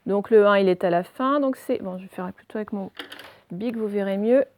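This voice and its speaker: A woman teacher leads young children through a reading lesson, spelling out letters slowly and checking in with them often. Her voice is medium in pitch and a little mellow.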